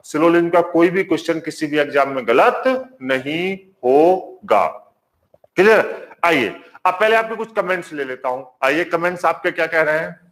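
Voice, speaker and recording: A man with a fairly high voice teaches a live online class. He says each point more than once and keeps asking the viewers to answer back. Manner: repeats points and quizzes the class; warm greetings to viewers. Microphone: marker on whiteboard.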